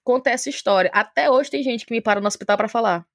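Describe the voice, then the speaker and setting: A woman with a Cearense Brazilian Portuguese accent, a talkative podcast guest telling lively anecdotes in casual chat, acting out the dialogue as she goes. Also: fairly high pitch, fast talker, dry recording, studio quality. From Ceará, Brazil.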